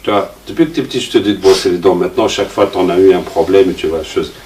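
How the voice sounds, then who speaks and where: Man, low voice, preacher, storytelling, rhetorical questions, distant mic. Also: fast, a little mellow. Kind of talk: informal religious talk with personal anecdote. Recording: roomy, distant mic, faint noise.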